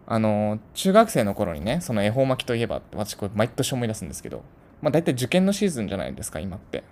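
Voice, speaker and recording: A man's voice: lowish voice, wildly swooping pitch, fast, darkish tone, slight background noise. A man from Tokyo telling a casual story to his channel in a chatty, rambling way full of asides. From Tokyo, Japan. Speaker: channel host.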